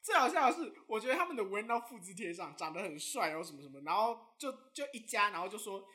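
A young woman with a Taiwanese Mandarin accent, co-hosting a podcast and telling stories in an animated, mocking way. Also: medium pitch, fast talker. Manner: animated storytelling, mocking and laughing. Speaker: podcast co-host. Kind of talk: casual chat.

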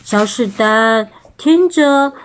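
A woman's voice: on the high side, lively intonation, extremely slow, clear, resonant tone. Alfred, a woman doing a wise old snowman. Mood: explaining. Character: wise old male snowman, well traveled.

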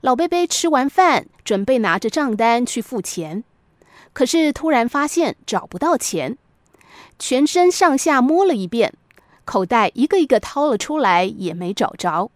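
A woman hosting a podcast, reading a scripted reflective essay in a measured, moralizing storyteller's manner. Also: on the high side, big pitch swings, dry recording. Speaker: podcast host.

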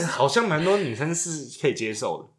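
A man, co-hosting a casual chat and trading crude jokes. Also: on the high side. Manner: joking, crude banter. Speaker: podcast co-host.

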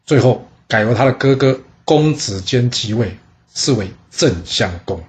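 A man's voice: medium pitch, measured pace. A man telling an ancient court story in a casual storytelling style, posing questions and answering them himself. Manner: lively, asks and answers his own questions.

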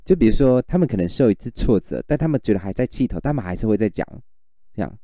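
Guy chatting, acts out customers, low dark voice. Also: fast talker, dry recording, studio quality. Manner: animated storyteller, acts out customers. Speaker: livestream seller. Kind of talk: casual chat.

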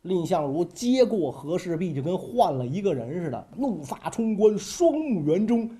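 Lively chatty storyteller man. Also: sits high, moderate pace. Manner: colloquial, chatty asides, lively. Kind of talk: comic historical storytelling.

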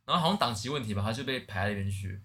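A man with a Taiwanese Mandarin accent, co-hosting a casual podcast chat. His pitch bounces around a lot, he talks fast, and his tone is bright as he throws in wisecracks. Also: lively intonation. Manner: quick wisecracks and exclamations. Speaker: podcast co-host.

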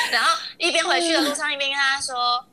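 A woman's voice: sits high, wildly swooping pitch, normal speed, noisy background. A woman co-hosting a podcast, chatting casually, playful and often laughing as she acts out how she scolds someone. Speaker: podcast co-host. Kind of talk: casual chat.

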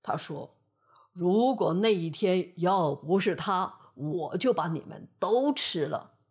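A woman voicing a sly scheming lion, low and coaxing. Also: takes it slowly, slightly rough, full character voice. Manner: wheedling, flattering. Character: sly scheming male lion, smooth-talking.

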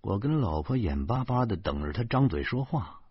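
Man, first-person novel narration, wry, husky, unhurried, dry close sound. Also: lowish voice, no room sound. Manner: wry, animated storytelling. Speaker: audiobook narrator. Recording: dull lo-fi recording.

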